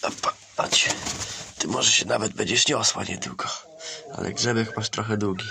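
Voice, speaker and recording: With a fairly low, fairly even voice and a slightly fast pace, a man chats to his viewers in a casual outdoor vlog from his farmyard, cajoling and scolding his chickens and cursing now and then. Hens clucking and a rooster crowing come through clearly on the camera audio.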